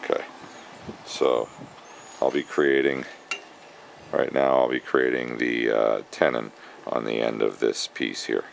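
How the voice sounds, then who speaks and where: Very deep gravelly man in a noisy workshop. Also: level tone. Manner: halting, thinking aloud while working. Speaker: woodturning instructor. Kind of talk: casual step-by-step demonstration. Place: workshop with lathe, wind outdoors.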